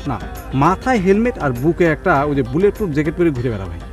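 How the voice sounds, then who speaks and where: An actor playing a teasing village friend in a comedy drama. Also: male voice, a little high, very animated, racing, faint music behind. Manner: teasing, playfully mocking.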